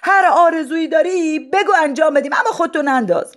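Brief: reader voices a coaxing crowd, high and shouted. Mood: pleading. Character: pleading crowd of onlookers, many adults.

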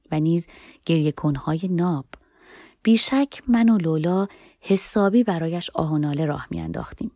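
A woman narrating a first-person novel in a soft, expressive storytelling manner. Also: fairly low pitch, dry recording, clean studio sound. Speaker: audiobook narrator.

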